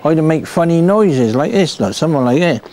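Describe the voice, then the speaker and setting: A man's voice: on the high side, lively intonation, moderate pace, warm tone, close to an everyday voice. A man with a Somerset accent playing a cheerful, bumbling rustic farmer in a stage comedy act, rambling folksily and tagging his lines with "see" and "look". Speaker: comic performer. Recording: piano music playing behind.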